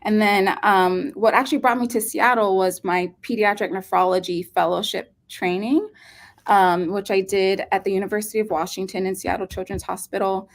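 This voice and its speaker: Woman in her 30s, mid pitched, earnest, lots of ums, easygoing interview chat. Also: fairly even intonation. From Hawaii. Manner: earnest, unhurried, many um fillers. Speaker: pediatric nephrologist guest. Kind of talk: casual interview talk.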